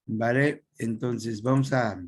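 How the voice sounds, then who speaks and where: Slow, patient male teacher on a video call. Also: medium pitch, fairly even intonation, slightly rough. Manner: patient, slow, checks students often. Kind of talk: online class lesson. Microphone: computer microphone on video call.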